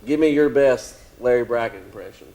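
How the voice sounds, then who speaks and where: An easygoing man hosts a casual local sports chat show. His voice sits at an ordinary middle pitch, and his delivery is relaxed and lightly teasing as he moves the conversation along. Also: fairly quick. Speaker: show host.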